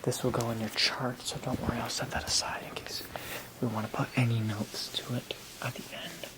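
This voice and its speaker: A whispered role-play by an ASMR performer as a gentle, attentive massage therapist, soothing and instructional. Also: medium pitch, little pitch movement, low-quality recording. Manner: soothing, slow counting, instructional. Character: gentle, attentive massage therapist talking a client through treatment.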